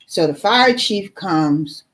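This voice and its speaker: A middle-aged woman telling a story casually to her viewers, animated and exasperated, calling the listener "girl". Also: lowish voice, slow, soft background music. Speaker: vlogger.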